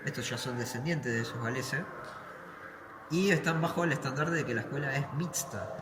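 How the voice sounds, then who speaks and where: A mid-range male voice at a moderate pace, with an Argentine Spanish accent, gives a guided museum tour, explaining exhibits and asking then answering questions himself. The hall sounds echoey, with loud noise in the background.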